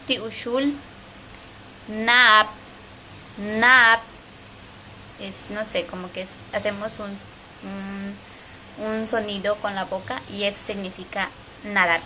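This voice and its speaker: Slow bright Mexican woman teaching. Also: mid-range voice, a little hiss or hum, low-quality recording. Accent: Mexican Spanish. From Yucatán, Mexico. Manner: slow and careful, repeats and stresses Maya words. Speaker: Maya language teacher. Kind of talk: casual video lesson.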